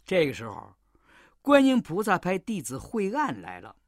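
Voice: medium pitch, huge pitch swings, moderate pace, dry recording. A storyteller reads a classic children's tale with great expression. The voice rises and falls widely and adds playful sound effects. The recording is dry and close with no room sound.

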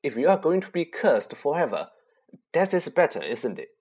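A frightened young boy wizard from a storybook, voiced by a man pitching his voice well up, who speaks in a raised, urgent, breathless rush. His lively voice carries a husky grain. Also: moderate pace. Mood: eager. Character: frightened, feverish boy wizard, about eleven.

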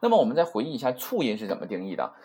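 Male language teacher, husky, animated delivery, chatty lecture with rhetorical check-ins. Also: medium pitch, very fast. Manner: chatty, repeats points, asks rhetorical checks. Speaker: Japanese teacher. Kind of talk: casual recorded lesson.

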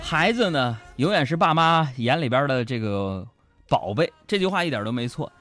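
A man's voice: medium pitch, expressive, normal speed, a bit bright, soft background music. A man with a Northeastern Chinese accent doing a chatty comic monologue, talking straight to the audience. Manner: chatty, addresses audience as friends. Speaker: stand-up comedian.

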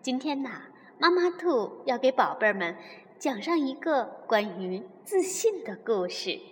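A woman reads a children's story aloud as the host of a bedtime story show, warm and expressive toward young listeners. Her voice is high and swings widely, and her pace is slow. A long reverb hangs behind it.

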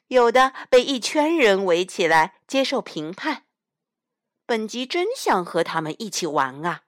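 Slow, expressive woman storyteller. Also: mid-range voice, dry recording, studio quality. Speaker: mother reading to her child. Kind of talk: reading a picture book aloud.

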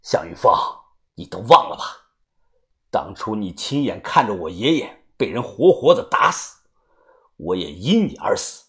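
Man playing a cold young avenger, low, quiet, measured, menacing. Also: big pitch swings. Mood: cold menace. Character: vengeful young man back from death, cold.

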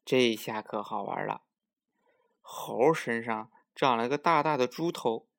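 A man narrating a children's story in a lively, expressive way. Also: medium pitch, measured pace, vocal fry.

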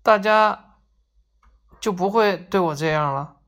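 A woman's voice: mid-range voice, slow, lightly acted. A woman voicing a grumpy man who is fed up with his own shadow, speaking in an annoyed, grumbling way.

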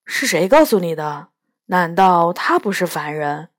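A woman's voice: fairly low pitch, very animated, measured pace, voice pushed down. A woman reading a storybook aloud, voicing an eager, impatient schoolboy.

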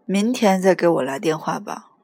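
A woman voicing a teenage girl on a late phone call, brisk and impatient. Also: on the low side, lively intonation, creaky, mellow, dry recording.

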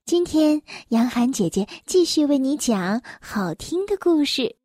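Slow, high-voiced woman storyteller. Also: no echo, clean studio sound. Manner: gentle, expressive, addresses children directly. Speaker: children's storyteller. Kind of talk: reading a children's story aloud.

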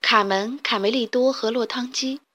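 A woman narrating a children's storybook in a gentle, expressive way. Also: on the high side, normal speed.

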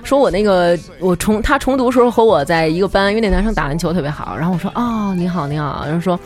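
A woman, co-hosting a comedy talk show, telling stories in a chatty, animated way and laughing as she goes. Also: lowish voice, fast, soft background music. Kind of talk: casual comedic storytelling.

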